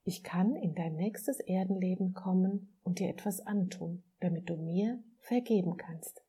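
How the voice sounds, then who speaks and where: A woman's voice: fairly low pitch, a little slow, dark tone, slightly rough. A woman voicing a kind, devoted soul. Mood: tender. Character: kind, devoted soul who offers help.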